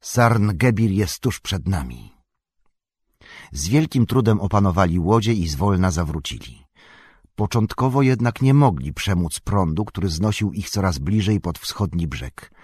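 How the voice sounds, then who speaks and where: Deep, husky audiobook narrator. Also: male voice, dry recording, studio quality. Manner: calm, measured storytelling. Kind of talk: scripted narration of a fantasy novel.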